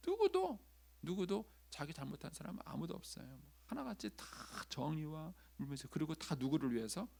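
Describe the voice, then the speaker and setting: Man giving a sermon in church, gravelly and kinda husky, voice jumps around a lot, keeps saying "ye". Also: fairly high pitch, expressive, brisk, hardly any pauses, a little mellow. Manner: acts out quoted lines in changing voices; conversational preaching with frequent filler 'ye'. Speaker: pastor. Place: church sanctuary.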